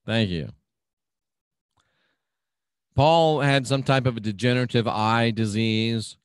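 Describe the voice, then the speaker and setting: A man's voice: mid-range voice, takes it slowly, smooth, no room sound, clean studio sound. A man hosting his own radio show, chatting casually and reading out listener comments in a folksy, agreeable way. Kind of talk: casual talk reading out live chat comments.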